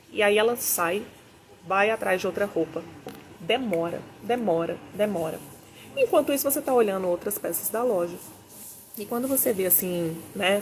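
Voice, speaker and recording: A woman's voice: medium pitch, a little hiss or hum. A woman, a business consultant giving a teaching talk into a Bluetooth mic, acting out both sides of her anecdotes. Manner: animated storyteller, voices both sides of dialogues.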